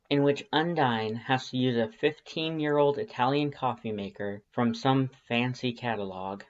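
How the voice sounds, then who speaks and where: The narrator tells a scripted fictional story expressively, with a wry, conversational manner and a voice pitched in the middle. A home setup leaves the sound a little dull.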